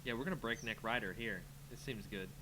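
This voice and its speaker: Background noise surrounds a man whose fairly low voice moves at a fairly quick clip as he plays a game on his card game channel. He mutters along to himself in a playful, casual way, tossing in sing-song filler while he works things out.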